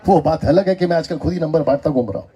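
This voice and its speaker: A man with an Indian accent giving a lively sermon in a church hall, teasing the crowd and calling for answers back. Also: a little high, rapid-fire, slightly rough. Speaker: preacher. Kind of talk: sermon with call-and-response.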